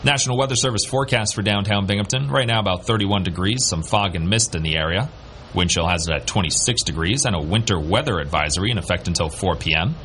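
A male local radio announcer reads a scripted bulletin in a low voice. There is faint noise behind him. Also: fast, a bit bright. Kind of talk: scripted traffic and weather bulletin.

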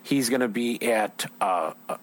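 A man's voice: mid-range voice, measured pace. Guy hosting an outdoors show, chatty and rambling, easygoing casual interview.

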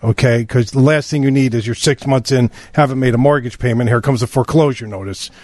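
A man's voice: medium pitch, fast, a little mellow, dry recording. A man hosting a radio show, joking and repeating the phone number. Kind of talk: casual radio talk.

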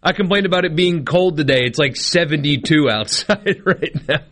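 A man's voice: fairly high pitch, animated, normal speed, fairly bright tone. An American man hosting live sports talk radio in a casual, conversational way, spelling out details for listeners.

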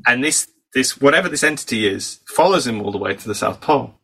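His voice sits at medium pitch, lively and fast, bright and forceful yet husky with vocal fry. He's a UK psychology professor and author, a guest in a conversational podcast interview, telling stories fluently and explaining as he goes while a cold slightly takes his voice.

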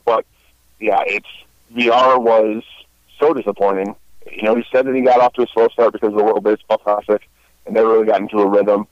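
A man's voice: on the low side, no room sound, dull audio. A man hosting a baseball podcast in casual chat, rambling with many fillers and restarts. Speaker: podcast host.

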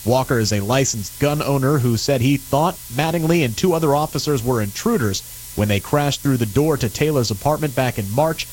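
A man's voice: mid-range voice, moderate pace, a little mellow, rough recording. Male radio news anchor, faint hiss. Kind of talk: scripted radio news bulletin.

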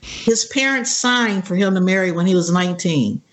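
A woman's voice: lowish voice, moderate pace. Upbeat seventy-year-old woman guest. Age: 70s. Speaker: interview guest. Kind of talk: casual interview chat.

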